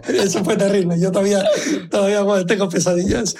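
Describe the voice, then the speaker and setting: A man's voice: sits high, little pitch movement, fast, warm tone. A man hosting a radio interview, joking and stammering over repeated words. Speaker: radio host. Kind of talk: lively radio interview chat. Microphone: studio microphone.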